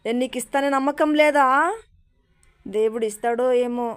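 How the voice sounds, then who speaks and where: A woman preacher voicing God as a tender, comforting divine father who soothes the listener with gentle pleading questions and pet names. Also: on the high side, moderate pace, clear, resonant tone, close to an everyday voice. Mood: consoling.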